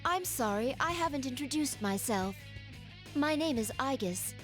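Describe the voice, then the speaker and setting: A man's voice: very high-pitched, expressive, normal speed, a bit bright, faint music behind, voice pushed up. A man voicing a polite, formal female android schoolgirl in a raised voice. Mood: calm polite.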